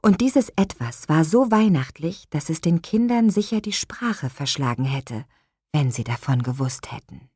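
A woman narrating a children's audiobook with expressive storytelling, slowing down for suspense. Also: sits low, breathy edge, dry recording, clean studio sound.

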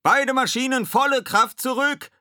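A man voicing a male ship's skipper who bellows orders in a high, strained voice. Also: normal speed, sharp tone, no room sound, studio quality, heavily acted. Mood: shouting orders.

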